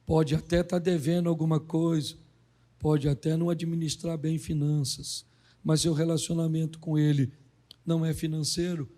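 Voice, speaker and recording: Speaking in a slightly high voice, a middle-aged pastor delivers a funny sermon and performs bits of dialogue with quick, lively voices.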